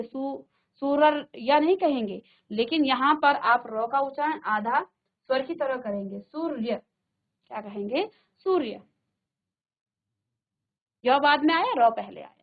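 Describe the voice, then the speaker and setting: A woman teacher giving a grammar lesson in a studio classroom, drilling sounds by repeating them and checking in with her class. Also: sits high. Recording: tinny phone-like sound.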